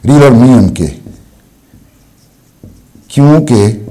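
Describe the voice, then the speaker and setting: A man teaching a language lesson, explaining slowly and asking questions he answers himself. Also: medium pitch, animated, warm tone. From Pakistan. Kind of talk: classroom lesson.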